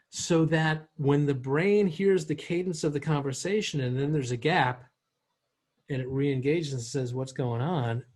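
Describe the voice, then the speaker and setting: A man giving a recorded training lesson on communication, conversational, often acting out voices and switching pitch and pace to demonstrate. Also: a little mellow, husky. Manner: conversational, asks rhetorical questions.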